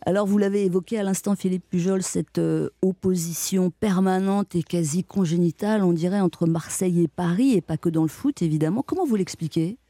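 Dark, gravelly radio host in a dry booth. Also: medium pitch, brisk, hardly any pauses, dry recording. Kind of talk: radio interview.

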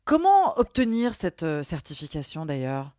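A woman's voice: deep voice, wildly swooping pitch, normal speed, warm tone, no room sound, studio quality. A woman radio interviewer who asks questions and prompts her guest in a friendly way. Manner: friendly prompting with short acknowledgments.

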